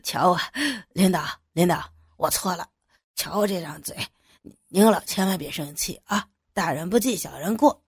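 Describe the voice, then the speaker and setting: A woman's voice: mid-range voice, big pitch swings, measured pace, vocal fry, slightly rough, dry recording, clean studio sound, heavily acted. A woman voicing a crude, swaggering young male contractor in an audiobook, talking coarse and leering, then fawning. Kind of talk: audiobook character voice.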